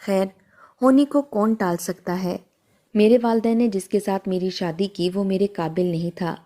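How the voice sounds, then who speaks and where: Woman reading a sad story out, somber, soft dark tone. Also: medium pitch. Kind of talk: scripted first-person narration.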